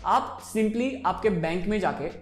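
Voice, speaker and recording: A man in his twenties with an Indian accent hosts a finance show, speaking in a high voice at a measured pace. He explains things to camera informally and directly, switching between Hindi and English. The room echoes and faint music plays behind him.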